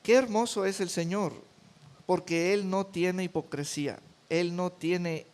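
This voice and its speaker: A man with a high voice delivers a sermon at an unhurried, deliberate pace. He preaches emphatically, repeating key words to drive them home. He is a pastor addressing his congregation. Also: fairly even intonation.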